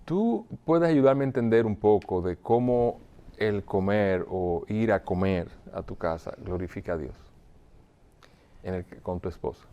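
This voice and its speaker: A man acting as a pastoral counselor, asking calm questions and giving short acknowledgements. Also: lowish voice, unhurried, lo-fi sound. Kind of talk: role-played counseling session.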